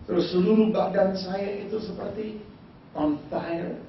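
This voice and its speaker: A male pastor preaching a sermon, telling a story with lively voice play. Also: high-pitched, a little slow, a little hiss or hum. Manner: animated storytelling, mixing Indonesian and English, acting out voices. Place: church hall. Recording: echoey church hall, mic far off, dull sound.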